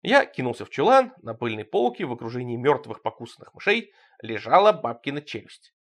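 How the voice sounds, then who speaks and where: Lively man reading a surreal story. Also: brisk. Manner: animated, swings between loud outbursts and low asides. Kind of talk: expressive literary reading.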